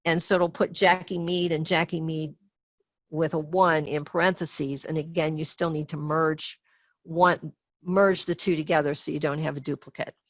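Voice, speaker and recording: Speaking in a steady tone, this female software trainer works through a screen-share tutorial one step at a time, unhurried and patient, often pausing with little fillers. Her fairly low voice comes across dry and a bit dull, webinar-style, without any echo.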